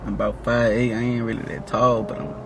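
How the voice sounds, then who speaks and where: Gravelly laid-back man. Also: mid-range voice, level tone, a little fast, noisy background. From Louisiana, USA. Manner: laid-back, slangy, boastful. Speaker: blind date contestant. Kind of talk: casual flirty chat.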